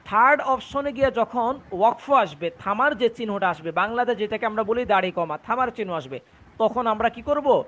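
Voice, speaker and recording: Brief: male Quran tutor, Bangladeshi Bengali accent, high voice, patient, repeats each rule. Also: expressive, moderate pace, a bit bright. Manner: patient, repeats points, drills students. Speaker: Quran recitation teacher. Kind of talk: online class teaching.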